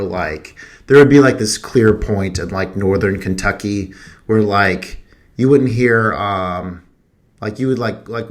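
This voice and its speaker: A young man co-hosting a movie podcast, talking in a loose, rambling, chatty way. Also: lowish voice. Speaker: podcast co-host. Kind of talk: casual chat.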